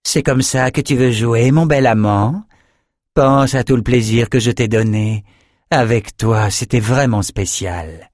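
A man's voice: mid-range voice, unhurried, darkish tone, no echo, studio quality, lightly acted. A man reading an audiobook voices a fierce, seductive female warrior who hisses her threats with mocking menace.

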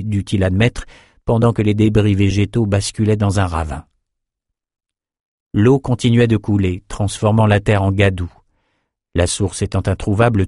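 A man narrating a fantasy novel as an audiobook in a measured, even storytelling manner. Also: on the low side, no echo, studio quality.

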